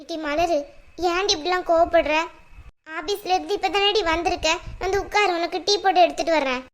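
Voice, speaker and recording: A woman's voice: extremely high pitch, fairly quick. A woman voicing a worried mother in a cartoon, pleading and soothing her angry daughter. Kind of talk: cartoon voice acting.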